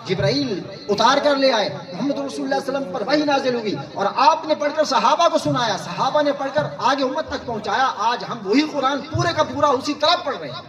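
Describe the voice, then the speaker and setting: High-voiced preacher in an echoey hall. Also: male voice, expressive, few pauses. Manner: rhetorical, quizzes the audience. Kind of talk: sermon. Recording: roomy, far-off mic, crowd.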